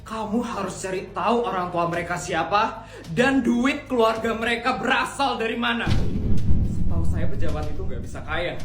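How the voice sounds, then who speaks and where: An indulgent rich mother with a low, coddling voice, as a performer puts her on. The room rings a little, and music plays behind. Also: expressive, moderate pace, close to an everyday voice. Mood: stern. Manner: sweet, coddling. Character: doting wealthy mother, indulgent. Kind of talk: comedy skit voice acting. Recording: roomy sound with background music.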